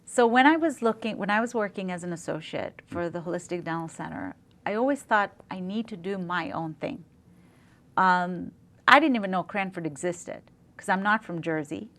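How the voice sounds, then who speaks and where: A woman's voice: lowish voice, normal speed. Enthusiastic woman dentist from Zambia. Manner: enthusiastic, warm storytelling with frequent fillers. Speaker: dentist, interview guest. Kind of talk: casual interview talk.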